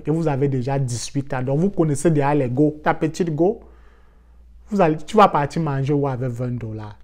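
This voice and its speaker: Speaking a little fast with a fairly high voice, this African vlogger shares a relaxed personal anecdote for his channel. He delivers it with energy and sprinkles in English words.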